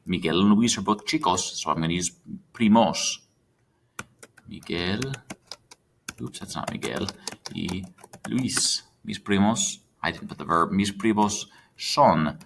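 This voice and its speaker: A man's voice: sits low, unhurried, gravelly, pauses often, a little hiss or hum. A man teaching a recorded Spanish lesson, chatty and checking in with his students as he types. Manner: chatty, checks in with students, talks while typing.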